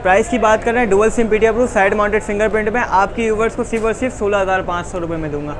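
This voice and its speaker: A man with a Pakistani accent selling phones in an insistent teleshopping-style pitch, repeating prices and stock phrases as he runs through models. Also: rapid-fire. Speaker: phone seller. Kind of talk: rapid sales pitch listing models and prices. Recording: busy street noise and chatter.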